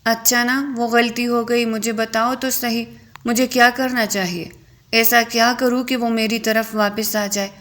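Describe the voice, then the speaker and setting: A woman's voice: on the high side, flat delivery, fairly bright tone, lightly acted. A woman voicing a tearful, self-pitying young wife in a storybook reading. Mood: pleading. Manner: sobbing complaints.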